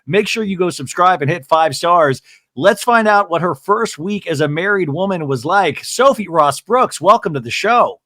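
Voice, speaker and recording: High-pitched man hosting a chatty podcast. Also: lively intonation, normal speed, bright, forceful tone, no room sound. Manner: effusive, gossipy, rambling. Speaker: podcast host. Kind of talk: casual chat.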